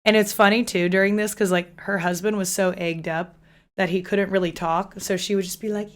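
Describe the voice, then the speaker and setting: A woman's voice: mid-range voice, fairly even intonation, brisk. Chatty young woman streamer. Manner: chatty, frequent "like" fillers, laughs while talking. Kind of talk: casual live-stream chat.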